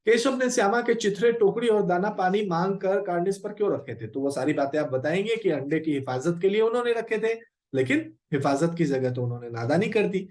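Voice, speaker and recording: A man's voice: high voice, expressive, fairly quick, darkish tone. A male teacher explaining a story for a class, with frequent fillers and tag questions. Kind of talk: Hindi lesson explaining a story.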